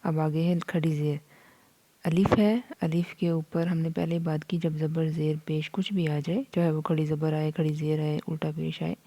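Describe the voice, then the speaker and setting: Patient female tutor, mellow low voice, slow steady drills. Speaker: Quran reading teacher. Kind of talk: online lesson.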